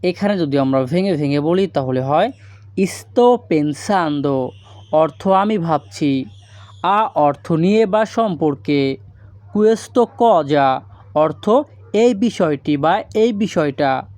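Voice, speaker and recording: Male language tutor: slow, methodical, fairly high voice, dry close sound. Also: darkish tone, no room sound. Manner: slow, deliberate delivery, repeating phrases word by word. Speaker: language teacher. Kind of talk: recorded language lesson.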